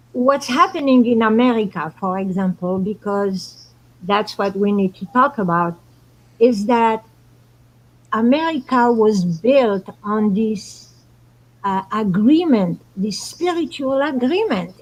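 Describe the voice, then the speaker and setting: A woman's voice: fairly high pitch, poor audio. A woman from Morocco, hosting a casual astrology talk and explaining spiritual ideas earnestly. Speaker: show host.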